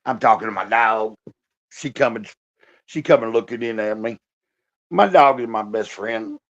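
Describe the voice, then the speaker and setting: Lying in bed at home, a male livestream host chats casually and rambles loosely, at times talking to his dog in a high, coaxing voice. His voice is fairly bright and his pace moderate. The livestream audio is dull and lo-fi.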